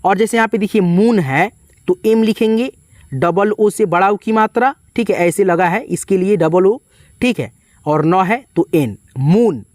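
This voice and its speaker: A man's voice: sits high, animated, a little slow, darkish tone, no room sound. Male tutor, patient step-by-step spelling lesson, dry and close to the mic. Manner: spells letter by letter, repeats "ठीक है" and "दोस्तों". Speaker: English teacher.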